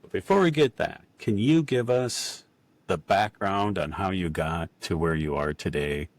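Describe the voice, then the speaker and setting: A man's voice: sits low, a little slow, no echo. A middle-aged man hosting a podcast in a chatty, enthusiastic manner. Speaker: podcast host. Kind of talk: casual podcast interview.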